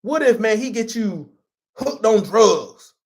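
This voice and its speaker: A man's voice: sits high, lively intonation, slow. A man preaching a sermon in an emphatic, conversational style and repeating himself for force. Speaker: pastor.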